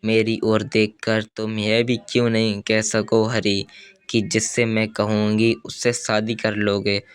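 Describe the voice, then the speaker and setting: An intense young wife speaks in an earnest, insistent way, as a man reads her part in an audiobook. The voice stays low, even and smooth, recorded close and dry. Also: slow pace, dry recording. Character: young married woman, bold and intense. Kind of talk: audiobook character reading.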